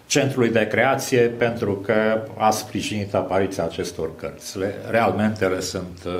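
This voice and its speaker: A man's voice: fairly low pitch, fairly even intonation, roomy sound, a little hiss or hum. Reflective man at a book launch. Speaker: literary critic. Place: small hall with a banner backdrop. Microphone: mic on a stand.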